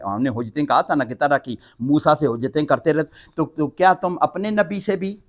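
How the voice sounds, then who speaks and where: An older Pakistani man teaches a Quran class, reciting Arabic phrases and then explaining each word with patient repetition. His voice sits on the high side.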